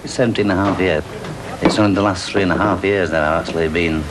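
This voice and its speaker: A man's voice: low voice, fairly even intonation, fast talker, heavy background noise. A man, a pub landlord answering an interview in a hesitant, reflective way.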